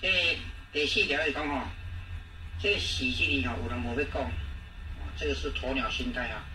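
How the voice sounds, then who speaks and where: A man with a Taiwanese accent teaching a language lesson, repeating words slowly and often trailing off with "ha" and "oh". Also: mid-range voice. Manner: repetitive, drawn-out, frequent "ha, oh" fillers. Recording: echoey room, distant mic, faint noise.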